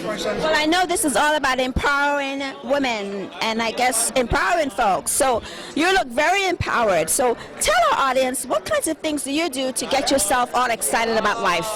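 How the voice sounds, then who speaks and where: A woman's voice: high-pitched, expressive, normal speed, poor audio. A woman interviewer doing upbeat, gushing, complimentary red carpet chatter. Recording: loud event crowd behind. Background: busy gala crowd.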